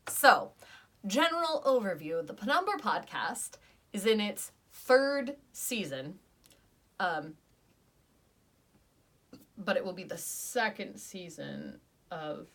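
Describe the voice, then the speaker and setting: A young woman co-hosts a casual podcast review, chatting enthusiastically and playfully arguing with her friend. Her medium-pitched voice is gravelly yet fairly bright, with a sing-song lilt, a slow pace, and long pauses.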